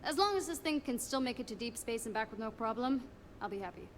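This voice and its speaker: A woman's voice: fairly high pitch, expressive, fast talker, slight background noise, lightly acted. An actress playing a practical, agreeable woman on a design team in a video game. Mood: conceding. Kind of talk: scripted game dialogue.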